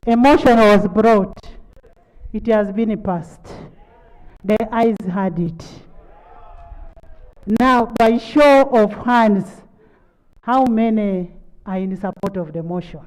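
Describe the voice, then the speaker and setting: A parliamentary speaker with a Ugandan accent, formally chairing debate in an authoritative, deliberate manner. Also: mid-range voice, darkish tone, poor audio. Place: large parliament chamber.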